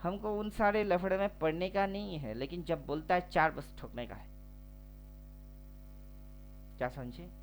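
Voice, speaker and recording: Slow, slangy male teacher. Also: high voice, soft background music. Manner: slangy, teasing, full of rhetorical questions. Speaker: trading teacher. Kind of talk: chart tutorial voice-over.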